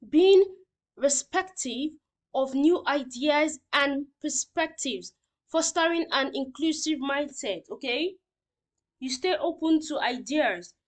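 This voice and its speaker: Speaking in a high register, a woman teacher goes through lesson points aloud, breaks them down simply, and often pauses to make sure the learners understand.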